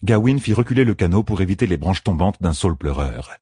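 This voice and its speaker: A man narrating a fantasy audiobook in a measured, storytelling manner with a husky voice. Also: deep voice, expressive, dark tone, no room sound, studio quality.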